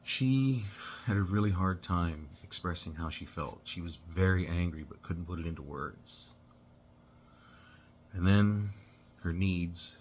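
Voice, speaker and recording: Low-voiced man telling a rambling story. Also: slight background noise. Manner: rambling, halting, full of restarts and "you know". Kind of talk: casual personal storytelling.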